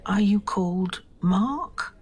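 An actress playing a very old, confused and frightened mother in an audio drama, asking halting, bewildered questions. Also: medium pitch, lively intonation, darkish tone, breathy edge. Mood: confused, anxious.

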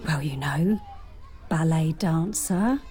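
An actress playing a tactless, insinuating aunt in a family audio drama. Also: female voice, low-pitched, takes it slowly, warm tone.

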